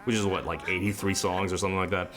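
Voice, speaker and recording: Sarcastic man reviewing music, low voice. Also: fairly even intonation, fast talker, a bit bright. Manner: sarcastic, dry. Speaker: music critic. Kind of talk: scripted review narration.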